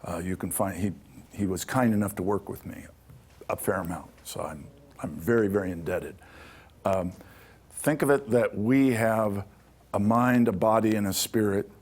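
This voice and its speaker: A man speaking at normal speed in a fairly low, slightly mellow, breathy voice gives a conversational public lecture in a hall about ancient Egyptian spirituality, with frequent "okay?" check-ins on his points.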